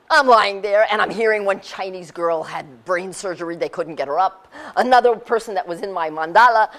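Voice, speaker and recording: A woman in her sixties telling her story in a casual, animated way, laughing often and acting out what people said. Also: medium pitch. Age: 60s. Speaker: speaker sharing her experience. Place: community center hall.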